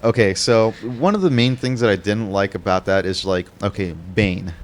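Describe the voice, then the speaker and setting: Low-pitched guy rambling on a podcast, lots of uh and like, casual movie chat. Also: normal speed. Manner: rambling, many restarts and fillers. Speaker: podcast co-host.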